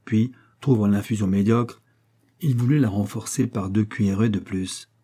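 Low, husky male audiobook narrator. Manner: measured, even literary reading. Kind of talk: audiobook reading of a classic novel.

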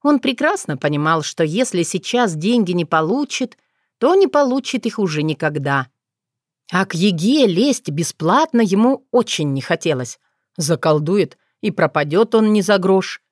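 Woman narrating a fairy tale, low and dry. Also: big pitch swings, moderate pace, no room sound. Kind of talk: audiobook narration.

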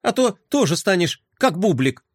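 A sharp-tongued young girl who scoffs at superstition, pitched high and lively, as a man puts her on. Close, dry storybook narration. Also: normal speed, dry recording. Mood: scoffing. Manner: sharp, dismissive. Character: skeptical spunky skateboarder girl.

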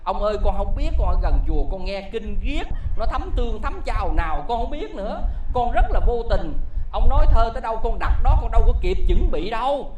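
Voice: medium pitch, very animated, a little fast, echoey room, noisy background, pitched above the performer's own voice, lightly acted. A preacher doing a pleading young son-in-law. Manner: pleading, earnest.

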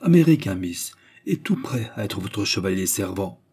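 A cheerful American gangster offers gallant help in a storybook reading, voiced by a man. He talks high and jovial over a husky, dark grain. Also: very animated, normal speed, exaggerated voice.

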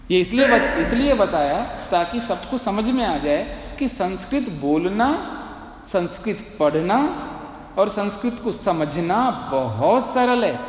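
A man with a high-pitched voice teaches scripture at an unhurried pace. He patiently repeats verses syllable by syllable and keeps checking that his students follow. The recording has a long, roomy hall reverb. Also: a little hiss or hum. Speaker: swami teaching philosophy. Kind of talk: classroom lecture on scripture.

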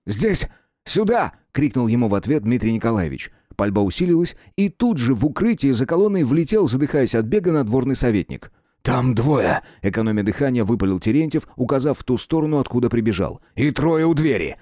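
A man reading an action story aloud as narrator, in a dramatic, animated way. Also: medium pitch, no room sound, clean studio sound. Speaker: audiobook narrator. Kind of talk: scripted narration.

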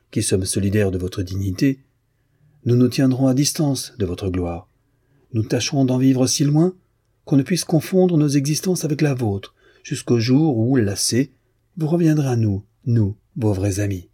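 Un homme lisant à voix haute qui prête sa voix à une jeune femme fière, au ton cinglant et dédaigneux. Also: male voice, mid-range voice, expressive, measured pace, mellow, husky, voice pushed up. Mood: scornful. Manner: cutting, disdainful. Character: proud young woman, scornful and calm.

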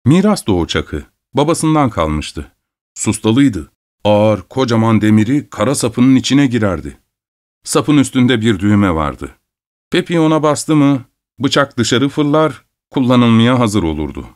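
A man narrating an audiobook in a measured, expressive storytelling manner. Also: mid-range voice.

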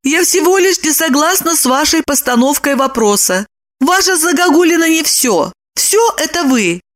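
A sharp-tongued, gloating woman with a shrill, squeaky voice that leaps up on every jab, as a woman narrator puts her on. Her pitch swings widely as she mocks and lectures. It is an audiobook character voice. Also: animated, moderate pace. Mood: coaxing. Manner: shrill, mocking, with swooping exclamations.

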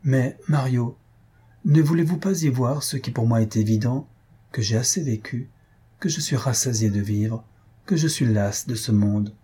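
A man's voice: mid-range voice, moderate pace, dark tone, husky. A man reading an audiobook, voicing a weary, melancholy noblewoman who longs to leave the world, in a sorrowful, earnest tone.

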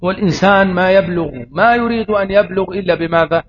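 A man's voice: sits high, fast. A man with an Egyptian accent giving a religious lesson, posing rhetorical questions and answering them himself. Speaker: preacher. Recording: slightly dull audio, faint noise.

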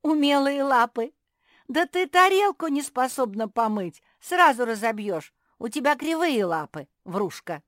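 A woman voicing a loud, bossy young female pug who teases and shouts in a shrill voice for a storybook reading. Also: sing-song, a little slow, hardly any pauses, no echo, clean studio sound. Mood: teasing.

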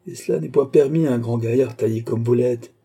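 A man's voice: medium pitch, fairly quick, dark tone, breathy edge. A man voicing an old, irascible aristocratic father who mocks and needles his son in an audiobook. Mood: scornful. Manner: scornful, needling, stamping with temper. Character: old irascible nobleman father, mocking and impatient. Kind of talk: audiobook character reading.

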